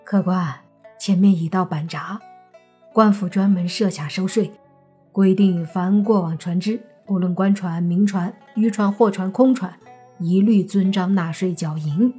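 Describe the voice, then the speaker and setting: A woman's voice: medium pitch, measured pace, dark tone, slightly rough, faint music behind. Storybook boatman: woman playing a timid, cautious man. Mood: worried. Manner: worried, cautious. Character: timid, anxious male boatman.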